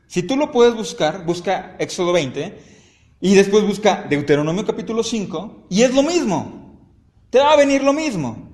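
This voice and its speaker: Man, high voice, Bible study teacher, quizzes the class, keeps checking "ok?". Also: darkish tone. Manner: asks the class frequent questions, ends points with "¿ok?".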